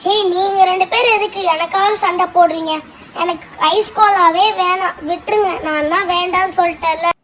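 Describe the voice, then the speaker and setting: A left-out little girl with a very high, childlike voice whines that nobody includes her, as a woman puts her on. She sounds hurt and pleading. It fits a homemade doll-play story. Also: fairly even intonation, normal speed, fairly bright tone, slight background noise. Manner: whiny, hurt.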